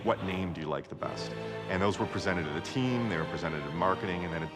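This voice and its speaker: A man's voice: low voice, fast. A man talking informally as a game developer in a documentary interview. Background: music.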